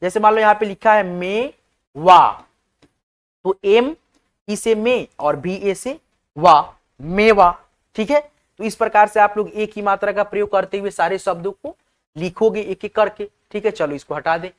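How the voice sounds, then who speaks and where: At a whiteboard, a woman with a mid-range voice and normal pacing teaches spelling, patiently sounding out each word letter by letter and frequently checking that viewers are following.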